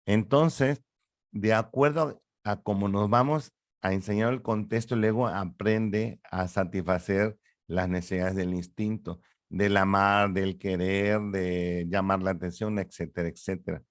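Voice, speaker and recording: Middle-aged man, lowish voice, animated lecturing psychologist, dry close recording. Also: measured pace, no echo. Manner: animated, lecturing, uses rhetorical questions. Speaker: psychologist guest. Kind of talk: explanatory interview talk.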